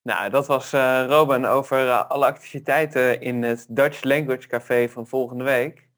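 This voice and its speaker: A man's voice: mid-range voice, steady tone, normal speed, a bit bright. A man co-hosting in casual chat, easygoing with some fillers. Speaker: co-host.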